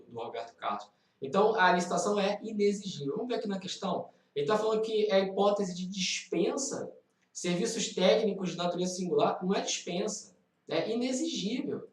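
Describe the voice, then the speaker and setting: A man's voice: high voice, roomy sound, far from the mic, low-quality recording. A man with a Brazilian Portuguese accent teaching law in a live online lesson, explaining exam questions and driving key points home by repeating them. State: tired. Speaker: law professor.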